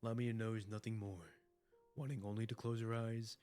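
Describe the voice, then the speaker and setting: A man's voice: lowish voice, moderate pace, soft background music. A man streaming his reaction to a game story, switching between casual commentary and dramatic read-aloud narration. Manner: excitable, profane, exclamatory.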